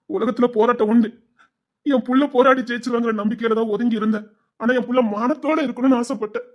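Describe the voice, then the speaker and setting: An actor with a Tirunelveli Tamil accent playing a stern, remorseful older father who scolds and then pleads with his daughter. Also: very high-pitched.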